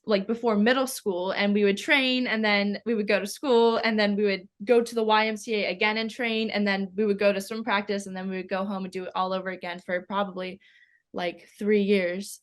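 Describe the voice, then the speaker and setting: A woman's voice: medium pitch, little pitch movement, brisk. A teenage girl from Canada, an athlete answering interview questions in a chatty way, with lots of ums and likes. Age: teens. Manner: chatty, many ums and likes, laughs often. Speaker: swimmer interviewee.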